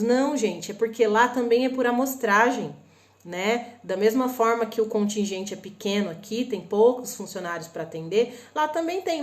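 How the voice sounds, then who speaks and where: Hosting a chatty live stream about shopping for imports, a woman with a northern Paraná Brazilian Portuguese accent explains things in an animated way. She keeps checking in with viewers, calls them "gente," and tosses in quick rhetorical and tag questions. Her voice runs on the high side, and the sound is roomy.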